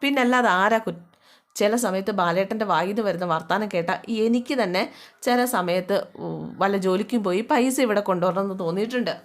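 A woman voicing a blunt, sharp-tongued middle-aged wife who argues back at her husband. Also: medium pitch, fairly quick, lightly acted. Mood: exasperated. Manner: blunt, sharp, pleading then scolding.

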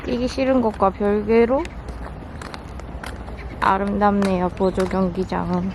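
A woman's voice: medium pitch, fairly even intonation, measured pace. A woman vlogging casually about running, chatting informally with grumbling asides between her announcements. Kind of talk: casual running vlog chat. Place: outdoors in town and at sports grounds. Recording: noisy outdoor recording with crowd and traffic.

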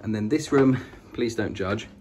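A British man narrates a walk-through of an old house for his vlog, informal and excited as he moves between rooms. His voice is fairly low and darkish, at a moderate pace. It was captured on a noisy handheld device indoors.

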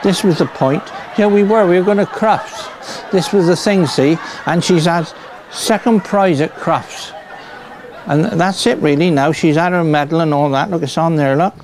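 A man's voice: a little high, normal speed, darkish tone, a faint crowd, slight background noise, lightly acted. A man with a Somerset accent playing a cheerful, bumbling rustic farmer in a stage comedy act, rambling folksily and tagging his lines with "see" and "look". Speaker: comic performer. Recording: piano music playing behind.

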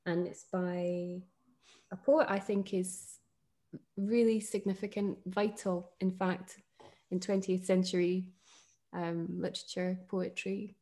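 A middle-aged woman with a Northern English accent hosting a casual conversation about poetry, thoughtful and enthusiastic, with fillers and soft laughs. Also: fairly low pitch, little pitch movement, slow. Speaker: podcast host.

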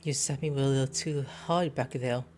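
Over music, a gameplay streamer reads game dialogue aloud and tosses in casual, jokey comments in a let's-play style. His voice is medium-pitched with fairly even intonation at a normal speed.

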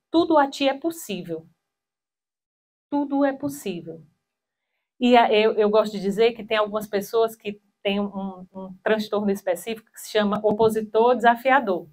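With a slightly high voice, this woman in her thirties speaks about spirituality in a small hall via handheld mic. She weaves in personal stories and brings quoted voices to life with animation.

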